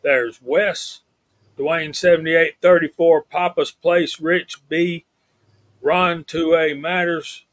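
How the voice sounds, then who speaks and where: Man hosting a casual online stream, unhurried, dry mic. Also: fairly high pitch, dry recording. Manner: reads out viewer names in a steady list. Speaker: live stream host. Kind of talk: casual live stream chat.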